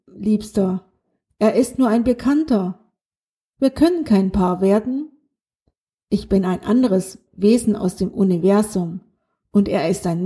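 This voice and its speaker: A woman's voice: mid-range voice, warm tone, close to an everyday voice. A woman voicing a young alien girl in a children's audiobook, flustered and defensive about her feelings. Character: young alien girl, shy and touchy in love.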